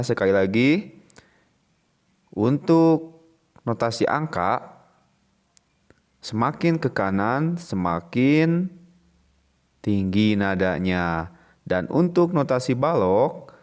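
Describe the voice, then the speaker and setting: Slow, patient male teacher. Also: lowish voice. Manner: patient, repeats points step by step. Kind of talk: recorded video lesson for children.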